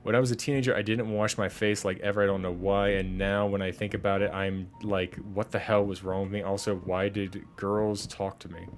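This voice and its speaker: A man's voice: on the low side, flat delivery, fairly quick, few pauses, soft background music. A young man casually commenting on a game he plays, joking and rambling to viewers. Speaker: gaming streamer. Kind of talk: casual let's-play commentary.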